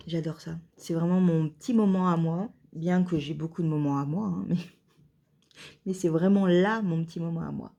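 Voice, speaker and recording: A woman vlogging casually at home, hesitant and chatty with many pauses and fillers. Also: fairly low pitch, dark tone, a little hiss or hum. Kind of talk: casual vlog chat.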